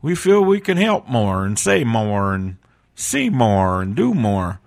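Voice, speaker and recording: A man voicing a gruff, blunt male elf flight tracker who talks in plain, rough grammar, as a guest on a comedic podcast. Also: on the low side, very animated, slow pace, heavily acted. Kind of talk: comedic audio podcast acting.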